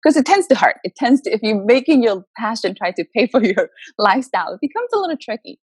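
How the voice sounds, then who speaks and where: Speaking quickly in a husky, sing-song, fairly high voice, this interview guest answers emphatically and motivationally in a conversational exchange. She's an author and motivational speaker, a native Spanish speaker born in the Dominican Republic who came to Massachusetts as a child. There's no room sound.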